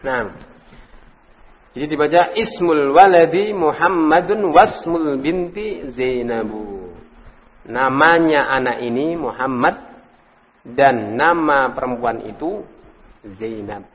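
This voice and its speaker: Reverberant religious teacher drilling students. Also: male voice, mid-range voice, animated, fairly bright tone. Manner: quizzes students by name, praises answers, repeats drill words slowly. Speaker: Islamic teacher leading an Arabic class. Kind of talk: interactive classroom lesson. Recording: reverberant room recording.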